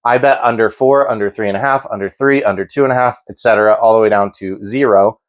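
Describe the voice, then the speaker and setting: A man's voice: lowish voice, fast. A man hosting a sports betting show, giving informal, opinionated commentary in a conversational way.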